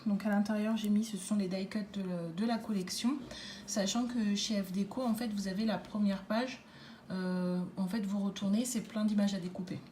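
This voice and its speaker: A woman presenting a handmade scrapbook album in a casual way, pausing often with fillers and restarts. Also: medium pitch, steady tone, warm tone, a little hiss or hum. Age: adult with a daughter. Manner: hesitant, many fillers and restarts. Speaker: scrapbooking vlogger. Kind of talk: casual craft show-and-tell.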